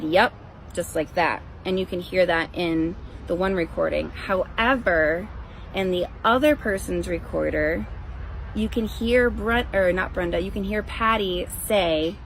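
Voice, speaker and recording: Female paranormal vlogger, conversational and rambling, creaky voice, faint noise behind. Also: lowish voice, poor audio. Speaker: ghost investigator presenting her team's recording. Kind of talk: casual explanatory vlog talk to viewers.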